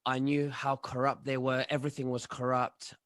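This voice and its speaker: Man, thirties, halting with fillers, dry close sound, remote call. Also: medium pitch, completely flat delivery, a bit bright, no room sound. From London, England. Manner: halting, many fillers and restarts. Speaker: guest, online commentator. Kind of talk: casual interview answers.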